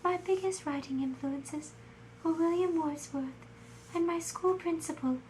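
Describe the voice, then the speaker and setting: A young adult woman reads a poet's biography aloud as if she were the poet. Her voice sits high. A faint hum of room ambience is heard behind her. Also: a little slow, darkish tone. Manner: reads in character as a historical poet. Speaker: student presenter. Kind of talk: reading a first-person biography aloud.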